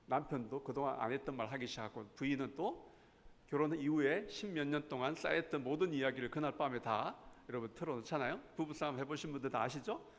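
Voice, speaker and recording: A man's voice: medium pitch, quick pace. A man in his fifties who teaches a church Bible class, telling a story and acting out the quoted lines of an argument, often putting questions to his audience. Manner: animated, acts out quoted arguments with rising voice. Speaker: professor teaching a lay Bible school. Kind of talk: lecture with storytelling. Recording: long hall reverb.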